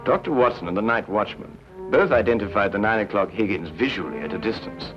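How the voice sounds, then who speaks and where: An actor playing a brisk, witty Victorian detective who lays out deductions in a cool, teasing, precise way. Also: male voice, on the low side, animated, lightly acted. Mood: calm. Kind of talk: 1950s TV drama acting. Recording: dull 1950s TV soundtrack with music.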